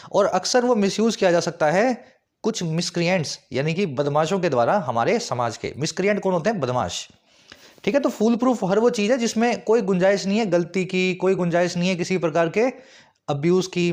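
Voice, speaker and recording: A man teaching English vocabulary in a lesson, explaining words in Hindi with frequent check-ins and slowly read example sentences. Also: high voice, darkish tone. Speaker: English tutor.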